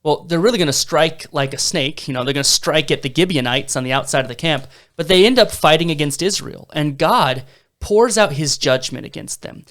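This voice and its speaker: A man's voice: fairly high pitch, fairly quick, fairly bright tone. A young man in his twenties co-hosting a casual Bible discussion podcast, telling the story eagerly with some fillers. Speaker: podcast co-host.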